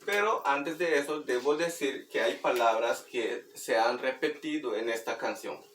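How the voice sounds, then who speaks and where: A man teaching Maya words through a children's song, speaking slowly and patiently and repeating words for practice. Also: medium pitch, a bit bright. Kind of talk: explaining and demonstrating a children's song. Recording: roomy, distant mic, faint background noise.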